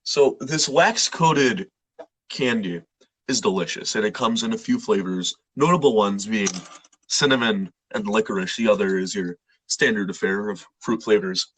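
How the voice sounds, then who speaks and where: A young man co-hosting a casual podcast chat, excitable and animated, with a husky voice. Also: fairly low pitch, normal speed, low-quality recording. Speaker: podcast co-host.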